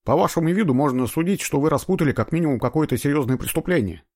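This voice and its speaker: A man's voice: on the high side, lively intonation, darkish tone, pitched above the performer's own voice. A man reading a book aloud, voicing a skeptical, blunt police detective. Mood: skeptical, brisk. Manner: quick, doubting, blunt. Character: brisk, skeptical male police detective, middle-aged.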